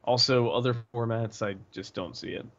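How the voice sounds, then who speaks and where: A man's voice: mid-range voice, moderate pace, fairly bright tone, muffled recording. A young man co-hosting a card review in an easygoing, agreeable way, often trailing off mid-thought. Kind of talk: casual chat.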